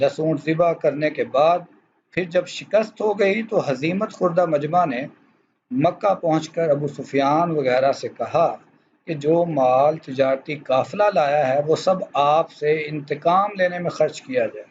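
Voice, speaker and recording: A male teacher delivers a formal lecture to his students in a measured, explanatory way. His voice sits a little high. The recording is dull and lo-fi, with a faint hiss behind it. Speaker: school teacher.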